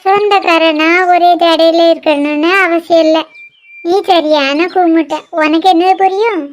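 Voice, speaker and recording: A woman doing sharp-tongued cartoon girls. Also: extremely high pitch, fairly even intonation, unhurried. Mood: teasing. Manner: sharp-tongued, teasing, scolding. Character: bickering young women in a clothing shop. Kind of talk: cartoon voice acting, one voice for several girls.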